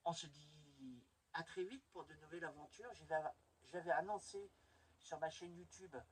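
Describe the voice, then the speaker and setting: At a normal speed and with a breathy edge to his slightly high voice, a collectors' channel host rambles happily through a home video of his collection. It's a casual vlog shot indoors, with a noisy recording.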